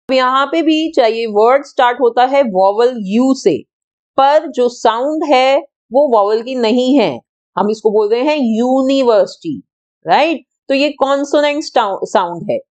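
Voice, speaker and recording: Patient woman teaching children grammar slowly. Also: fairly high pitch, a little mellow. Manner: patient, repeats and stresses sounds, asks questions then answers them.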